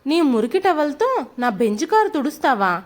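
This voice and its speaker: Storybook role: harsh, bullying rich man read by a woman, high pitched and swinging, loud and scolding. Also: sing-song, normal speed. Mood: angry scolding. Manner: shouting, scolding.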